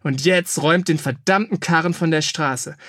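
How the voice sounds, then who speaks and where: Man voicing a fierce storybook warrior mom, high and sharp, dry close sound. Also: moderate pace, no echo. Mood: threatening. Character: fierce warrior mother, bold and commanding.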